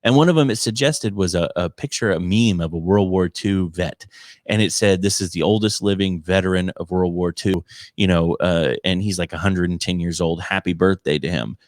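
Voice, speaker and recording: A man's voice: sits low, moderate pace, dry recording, studio quality. A man who works as a comedian, ranting casually in an exasperated, emphatic way and often repeating himself. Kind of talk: casual conversational rant.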